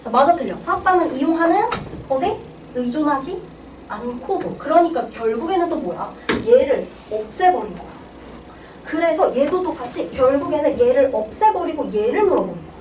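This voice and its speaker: A young woman with a high, expressive, brisk and slightly mellow voice gives an exam-prep reading lecture as a Korean reading tutor, quizzing her students and answering her own questions. The recording sounds roomy, with a distant mic and clear background noise.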